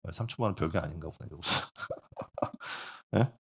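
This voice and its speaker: A male pastor preaching a sermon in an animated way, often putting rhetorical questions to the congregation. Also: low voice, moderate pace, gravelly, husky.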